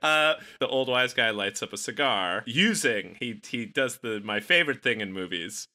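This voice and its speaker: A man's voice: mid-range voice, animated, moderate pace, pushed and bright. A man co-hosting a movie podcast, chatting casually and laughing through his jokes. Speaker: podcast co-host. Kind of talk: casual movie review chat.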